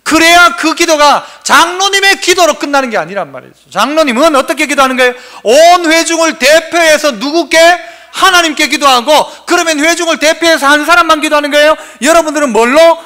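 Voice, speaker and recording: A man's voice: extremely high pitch, a little fast, bright, forceful tone. A male pastor preaching a sermon, asking the congregation questions and answering them himself.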